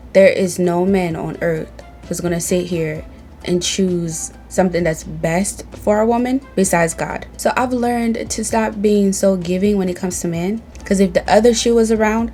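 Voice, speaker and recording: A woman's voice: lowish voice, mellow. A young woman from Tanzania chatting casually to camera in a get-to-know-me video, bold, playful and sassy. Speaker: beauty vlogger. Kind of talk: casual sit-down chat to camera. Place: indoors at home, reading from a tablet.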